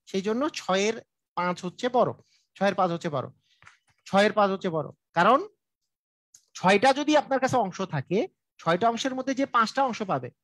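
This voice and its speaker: A man's voice: high-pitched, a bit bright, dry recording. A man teaching math in a live online lesson, repeating each point and checking in with his viewers in a colloquial way. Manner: repetitive, drilling explanations with frequent check-ins; colloquial, speaks directly to viewers.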